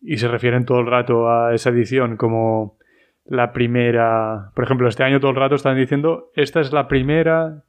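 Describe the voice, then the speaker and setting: A man's voice: mid-range voice, flat delivery, a little fast, smooth. A man from Spain co-hosting a podcast in casual chat, explaining things with hesitant restarts. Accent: Spain Spanish. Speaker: podcast co-host.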